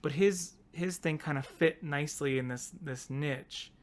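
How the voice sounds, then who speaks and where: A man's voice: a little high, moderate pace. A man co-hosting a podcast in casual chat, rambling and laughing as he talks things through. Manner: rambling, self-interrupting, laughs often. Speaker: podcast co-host.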